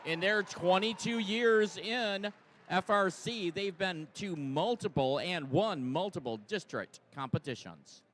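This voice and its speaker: A man announcing teams at a live event in a booming, hyped fighting-game announcer manner, drawing out the names. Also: slow pace, a bit bright, slight background noise. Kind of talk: hyped team introductions at a live competition.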